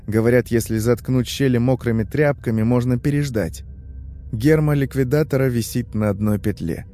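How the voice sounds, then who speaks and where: A man narrating a first-person horror story in a tense, measured way. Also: mid-range voice, mellow.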